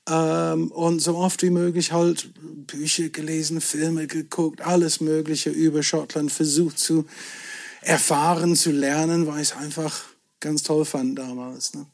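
English-born man chatting, slightly high voice. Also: level tone, unhurried, a little mellow. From southwest England. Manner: chatty storyteller, self-deprecating humour. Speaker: podcast guest, whisky entrepreneur. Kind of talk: casual chat.

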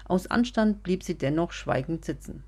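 Husky, low-voiced woman narrating a story. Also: lively intonation, moderate pace, warm tone. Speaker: podcast storyteller. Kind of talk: scripted audiobook narration.

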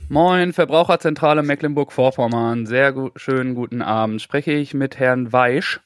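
A man's voice: medium pitch, moderate pace, clear, resonant tone, dry recording, clean studio sound, natural voice. A man playing a mock-earnest tenant or surveyor in an improvised comic phone role-play, formal, polite and a little hesitant. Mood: officious.

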